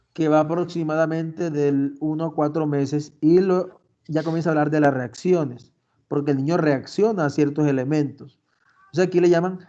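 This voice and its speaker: Man lecturing, bright voice. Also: on the high side, muffled recording. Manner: explanatory, asks the class questions. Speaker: university lecturer. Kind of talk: online class lecture.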